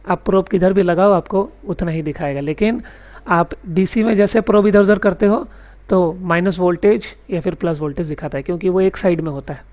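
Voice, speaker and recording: A man teaching a recorded electronics lesson, explaining step by step and reading out English definitions slowly. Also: high voice, darkish tone. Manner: mixes English technical terms into his speech. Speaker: electronics tutor.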